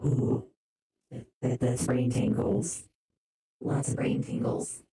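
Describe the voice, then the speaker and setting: A woman's voice: extremely low pitch, takes it slowly, dark tone. A woman on stream speaking through a robotic voice changer, delighted as she tests it. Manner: delighted, trying out a voice effect. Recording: distant, very echoey filtered voice.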